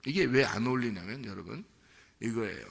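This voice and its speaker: A male pastor preaching a sermon, playful and animated, putting questions to the congregation. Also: medium pitch, a little fast, vocal fry. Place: church sanctuary. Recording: church hall reverb.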